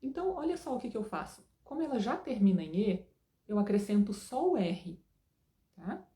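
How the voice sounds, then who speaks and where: A woman's voice: mid-range voice, very animated, normal speed, dark tone, echoey room. A woman teaching an English lesson in a casual, chatty way, often checking in with her students.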